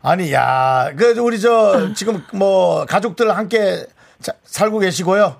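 A male radio host with a high, lively voice that swings up and down. He jokes and teases his caller in casual banter. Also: slow, creaky. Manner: playful teasing, lots of laughter.

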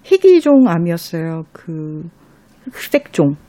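A woman talking casually about books she recommends, sometimes reading passages aloud slowly. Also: on the low side, very animated, warm tone, dry recording. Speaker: book recommender guest.

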